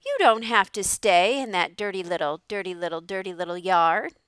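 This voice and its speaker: A woman voicing a fast-talking female goose who repeats her words. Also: medium pitch, fairly bright tone, clear, resonant tone, dry recording, clean studio sound, lightly acted. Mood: cheerful. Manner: repeats words, quick and cheery.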